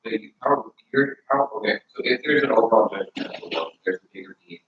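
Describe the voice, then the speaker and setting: A man's voice: on the low side, quick pace, far from the mic. A man rambles earnestly through a casual argument, often restarting his sentences. He sits well back from the mic in a very echoey room, and the sound is dull with faint noise underneath.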